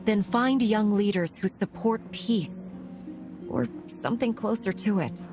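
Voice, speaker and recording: Game heroine, woman performer: resolute commander, measured and sincere, mid register, scored cutscene. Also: medium pitch, over loud music, natural voice. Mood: firm, earnest. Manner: measured, earnest, diplomatic. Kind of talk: scripted video game cutscene acting.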